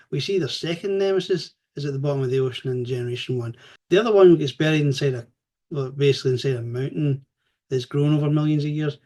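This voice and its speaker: A man's voice: medium pitch, a little mellow. A man hosting a show, giving a casual, rambling spoken review with a chatty, sometimes crude manner and frequent self-corrections. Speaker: host reviewing an animated series.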